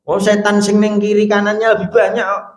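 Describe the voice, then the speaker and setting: A man with a Javanese Indonesian accent preaching a mosque sermon. He talks animatedly, jumping high for questions and dropping soft and low for hushed examples. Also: completely flat delivery, a little fast. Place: mosque hall. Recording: echoey mosque hall.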